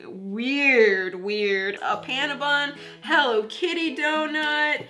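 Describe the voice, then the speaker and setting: Excitable girl vlogger unboxing stuff, kinda high, super bright and giggly. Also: slow, soft background music. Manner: excitable, giggly, gushing exclamations. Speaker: craft YouTuber host. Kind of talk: unboxing vlog chat.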